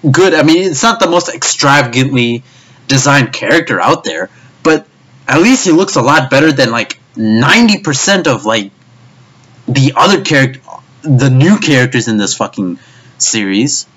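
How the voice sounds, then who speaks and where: A man's voice: medium pitch, expressive, normal speed, a bit bright, breathy edge. A man giving an anime review as a frustrated, profane rant, stammering and repeating himself as he goes. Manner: frustrated, stammering, swears often.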